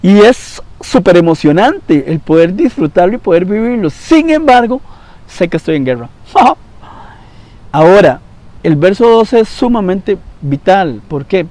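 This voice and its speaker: A man in his fifties teaching a devotional Bible lesson, animated, jumping between loud emphasis and quiet asides. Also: sits high, unhurried, no echo. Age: 50s. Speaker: preacher.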